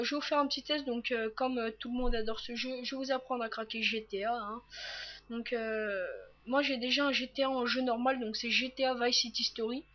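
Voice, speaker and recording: A woman hosting a casual tech tutorial, talking viewers through each step in a chatty way with lots of fillers and quick self-corrections. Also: on the high side, muffled recording. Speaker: tutorial host.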